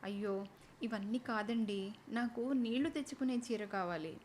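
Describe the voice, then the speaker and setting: A woman's voice: on the high side, normal speed, a little hiss or hum, lightly acted. A woman voicing a naive, timid young newlywed who speaks in a pleading way, in a storybook reading.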